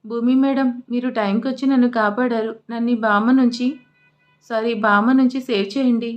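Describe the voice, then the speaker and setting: A jittery young male assistant, as a woman narrator puts him on in an audio storybook. He pleads and overreacts in comic panic, in a slightly high voice. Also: fairly even intonation, a little fast, highs cut off, close to an everyday voice. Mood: panicky.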